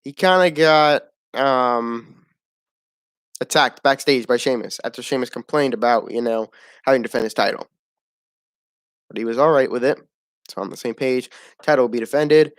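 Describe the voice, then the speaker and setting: A man's voice: mid-range voice, normal speed, long pauses, smooth, no echo, clean studio sound. A man giving a casual, opinionated wrestling review, rambling, swearing and laughing at the show.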